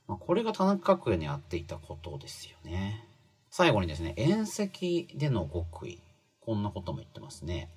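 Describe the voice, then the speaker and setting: Husky low-ish guy talking thru a book, lots of fillers, voice jumps around a lot. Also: darkish tone. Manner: chatty, many fillers, stressed phrases. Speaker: commentator explaining a book. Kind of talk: casual spoken explainer.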